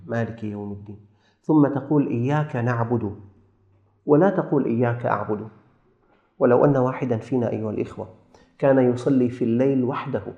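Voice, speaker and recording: A man giving a sermon, impassioned, rising to fervent appeals and dropping low and intimate. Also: creaky, reverberant, lo-fi sound. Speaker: preacher.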